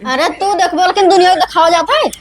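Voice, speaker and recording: A woman's voice: very high-pitched, fairly even intonation, fast talker, a crowd in the background. A woman playing a bossy, nagging young village wife in a comedy skit, talking demandingly in an Awadhi accent. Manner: scolding, demanding rustic talk.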